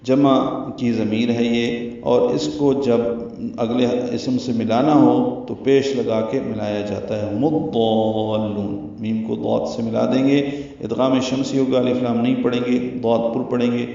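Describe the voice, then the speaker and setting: A man giving a Quran recitation lesson, explaining the rules step by step in a slow, methodical way and chanting verses, recorded in a very echoey room from a distance with a dull sound. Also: medium pitch, fairly even intonation, creaky, dark tone. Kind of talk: tajweed lesson.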